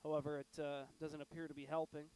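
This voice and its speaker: A man with a sore throat announcing live from an arena broadcast booth, talking in a monotone. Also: on the high side, fast talker, clear, resonant tone, poor audio. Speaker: play-by-play announcer.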